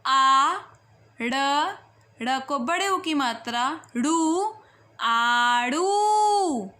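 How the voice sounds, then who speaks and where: A woman teaching young children a Hindi phonics lesson, saying each sound slowly and clearly and urging them to repeat after her. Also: sits high, expressive, pushed and bright. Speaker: primary school Hindi teacher.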